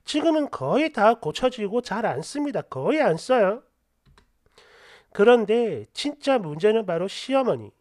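A woman narrating online posts and their comments for a story channel, expressive and quick with sharp asides. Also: mid-range voice, no room sound, clean studio sound.

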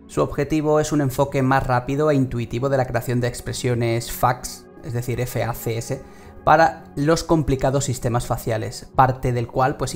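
Spanish guy from spain doing the monthly game news on his channel, home mic, lots of "pues" and "eh", music playing behind. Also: medium pitch. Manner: reads steadily with casual fillers. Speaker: gaming channel host. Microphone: home studio microphone. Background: background music.

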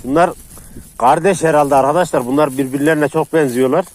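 A man's voice: fairly high pitch, brisk. A man in a casual vlog, feeding stray dogs outdoors in snowy countryside and talking to viewers and to the dogs. His hands are freezing in the cold, and he coaxes the dogs in a soothing voice. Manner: talks to dogs in a soothing coaxing voice; shouts excitedly while running.

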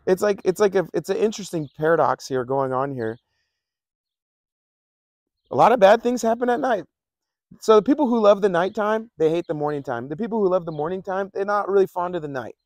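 A man's voice: high-pitched, animated, fairly quick, darkish tone, no room sound, clean studio sound. A man preaching a casual, conversational sermon, often repeating himself and chuckling between points. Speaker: pastor.

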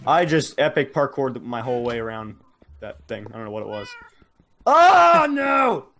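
A young man casually chatting while playing a game, playful and squealing excitedly over small finds. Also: mid-range voice, brisk, slight background noise. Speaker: co-player. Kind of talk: casual gameplay chat.

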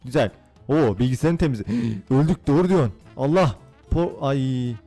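A young man giving excitable let's-play commentary on a game, laughing and swearing often. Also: medium pitch, normal speed, faint music behind. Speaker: gaming YouTuber.

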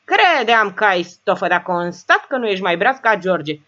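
A woman voicing a shrewd, sharp-tongued rich old woman who scolds and mocks the people around her. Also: medium pitch, sing-song, dull audio. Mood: mocking. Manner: scolding, sarcastic, bossy.

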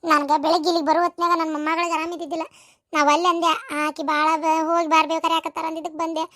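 A woman's voice: extremely high pitch, flat delivery, racing, a bit bright, no echo, studio quality. A woman with a North Karnataka Kannada accent playing an anxious older village grandmother in a rural family drama, fretting and repeating her unease. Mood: uneasy.

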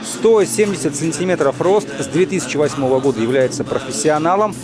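Man, live sports commentary, fairly high pitch, pausing between short phrases, clear music in background. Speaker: boxing commentator.

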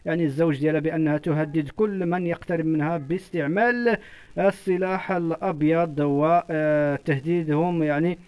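A man's voice: a little high, fairly even intonation, brisk, a little mellow, clear, resonant tone. A man with a Moroccan accent giving a live field report, hesitant and full of fillers. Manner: filler-heavy, hesitant delivery. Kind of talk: live street report and interview.

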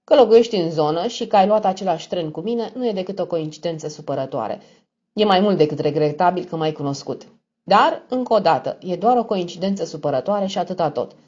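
A woman's voice: lowish voice, darkish tone, natural voice. A woman voicing a cold, reserved and tired young woman. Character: weary, cold young woman under threat. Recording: dull lo-fi recording.

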